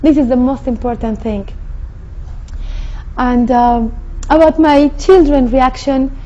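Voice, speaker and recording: A woman's voice: sits high, fairly even intonation, slow pace, warm tone. A woman from Mexico, earnestly telling her personal story and searching for English words as she goes. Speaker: convert sharing her story. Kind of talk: personal testimony. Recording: muffled lo-fi audio.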